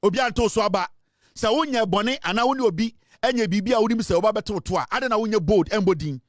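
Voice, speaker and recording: Forceful high-voiced Ghanaian man. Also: quick pace, no echo, studio quality. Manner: forceful, insistent, mixes English and Twi. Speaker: political commentator. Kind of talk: impassioned monologue.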